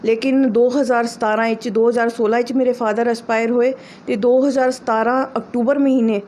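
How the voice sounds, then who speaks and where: A woman's voice: fairly high pitch, flat delivery, a little fast, darkish tone. A woman from Delhi giving an earnest personal account in an interview, mixing in English words.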